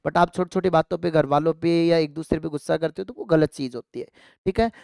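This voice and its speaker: A biology teacher runs an exam-prep lesson, asking the class questions and answering them, then repeating key terms as drills. The voice is smooth and clear. The sound is dry and close, with no room echo. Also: mid-range voice, steady tone, brisk, darkish tone. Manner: asks students rhetorical questions and answers them; calls students affectionately "child" and "dear kids".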